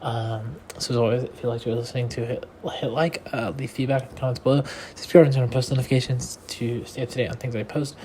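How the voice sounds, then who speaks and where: A man's voice: mid-range voice, steady tone, quick pace, mellow, slight background noise. A tired young man hosting a casual rambling monologue, meandering with many fillers and restarts. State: tired and yawning. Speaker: podcast host.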